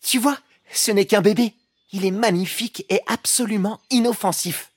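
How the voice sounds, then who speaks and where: A woman voicing a gentle, timid young boy in an audiobook drama. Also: mid-range voice, moderate pace, husky, no room sound, studio quality, close to an everyday voice. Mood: earnest.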